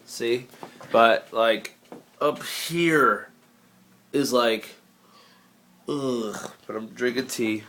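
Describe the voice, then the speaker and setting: A man's voice: medium pitch, extremely slow, pauses often, fairly bright tone, slight background noise. A young man with a head cold, vlogging in a casual, rambling way and making sarcastic jokes. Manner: sarcastic, jokey, riffs in mock voices.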